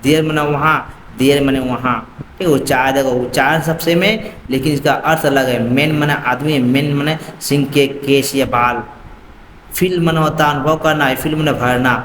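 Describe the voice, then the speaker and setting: A man's voice: mid-range voice, fairly even intonation, normal speed, fairly bright tone, slight background noise. A man teaching a school lesson, mixing Hindi and English and repeating a checking phrase often. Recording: echoey room with faint ambience.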